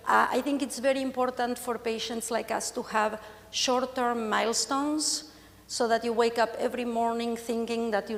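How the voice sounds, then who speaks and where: A fairly high voice with vocal fry belongs to an Argentine woman in her forties whose first language is Spanish. Speaking as a patient, she delivers a frank, humorous conference presentation from a large hall's stage, heard through long reverb.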